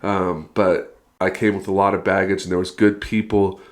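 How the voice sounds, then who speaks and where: A Californian man in his thirties appears as a guest pastor on a relaxed podcast interview. His voice is fairly low and his pace moderate, and he sounds upbeat, frequently laughing between filler words.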